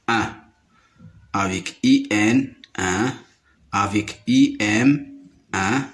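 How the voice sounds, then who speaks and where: Man, Moroccan French accent, phonics lesson, very slow delivery, repetitive. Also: fairly low pitch. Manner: slow, repeats each word several times. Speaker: teacher. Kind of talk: primary school phonics lesson.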